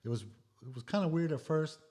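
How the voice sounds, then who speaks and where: A man's voice: on the high side, expressive, a little fast, darkish tone. A man, a guest content creator, telling laid-back stories with plenty of swearing in a casual podcast chat.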